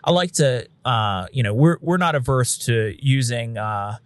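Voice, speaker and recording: A man with a mid-range, somewhat slow, clear and resonant voice, recorded with no room sound. He's a paramedic and instructor talking casually on a podcast, frank and occasionally swearing, and he acts out the lines he'd say to patients.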